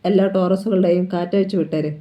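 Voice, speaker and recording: A narrator doing a fierce, scornful middle-aged strongman who spits out threats louder than the narration, in an audiobook-style crime reading. The sound is muffled and lo-fi. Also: medium pitch, steady tone, quick pace, lightly acted. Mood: defiant. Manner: menacing, taunting threats. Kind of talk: dramatic novel reading.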